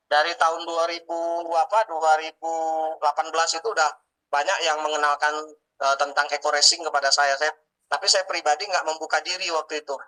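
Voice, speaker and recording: Man, late 30s, interview guest, earnest testimonial, bright and ringing tone, slightly high voice. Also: low-quality recording. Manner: earnest, many fillers and tag "ya". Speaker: guest businessman.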